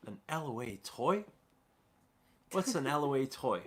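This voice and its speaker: Hosting a relaxed livestream Q&A, a man from Newcastle, England reads viewer comments aloud and chats loosely, with plenty of fillers and restarts. His medium-pitched voice has a sing-song, unhurried quality.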